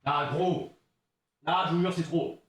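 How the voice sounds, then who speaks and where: A man's voice: on the high side, steady tone, slow pace. A young man chatting with his viewers during a live stream, joking in slangy talk. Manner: slangy, joking, talks straight to chat.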